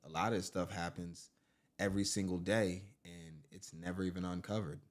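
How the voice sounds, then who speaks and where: Brief: deep-ish, easygoing male streamer, chatty and familiar with his audience. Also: flat delivery, fairly quick. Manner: chatty, addresses viewers as family. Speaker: livestream host. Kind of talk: casual crime-news stream commentary.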